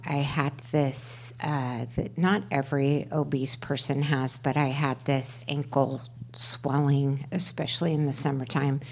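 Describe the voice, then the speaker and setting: Speaking into a handheld mic in a meeting room, a middle-aged panelist at a twelve-step workshop offers personal recovery sharing. She is loud with a bass voice, and she stops and starts a lot, leaning on fillers.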